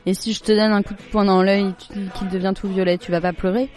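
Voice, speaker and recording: Reader as a tough-talking little boy in an audiobook, warm tone. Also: medium pitch, flat delivery, quick pace, faint music behind, lightly acted. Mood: boastful.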